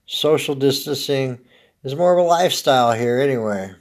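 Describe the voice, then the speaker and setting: An American podcast host in his fifties from Oregon has a gravelly smoker's rasp and a mid-range voice. He gives a casual, rambling comedic monologue at a moderate pace, dry and laid-back yet expressive.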